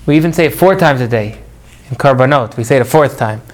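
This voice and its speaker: A man leads a Torah class in a lively, engaged way, often turning questions back to his students. His voice sits at an ordinary middle pitch, and Hebrew prayer lines slip naturally into his teaching. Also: fast. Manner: animated, asks the class rhetorical questions; mixes in Hebrew prayer phrases. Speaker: religious teacher.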